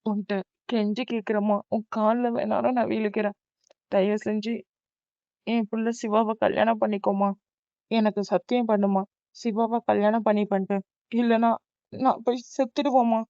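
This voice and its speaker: A woman's voice: mid-range voice, fairly even intonation, normal speed, darkish tone, no echo, dull audio, natural voice. A woman voicing a scheming middle-aged aunt who pleads and pushes emotionally. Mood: pleading. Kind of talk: cartoon voice acting.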